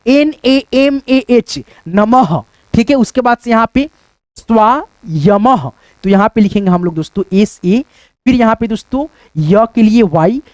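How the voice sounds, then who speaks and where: Man, whiteboard lesson, very high pitch, dry close sound, spells letters out slowly. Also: a little mellow, no room sound. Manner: repeats "friends" and tag questions, spells out letters slowly. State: sweating. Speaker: teacher.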